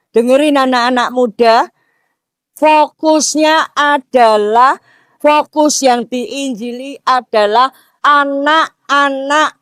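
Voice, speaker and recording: High-voiced older Javanese woman preaching. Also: dry recording, clean studio sound. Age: 60s. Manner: rhetorical questions, rises to emphatic near-shouts; slips Javanese words into talk. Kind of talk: mosque sermon.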